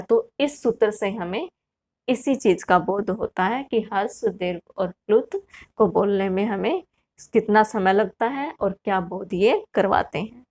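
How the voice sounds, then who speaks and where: A woman's voice: mid-range voice, a little mellow. Woman teaching grammar, answering her own questions. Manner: asks questions and answers them herself; repeats key terms slowly and spells out sounds. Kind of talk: exam-prep grammar lesson.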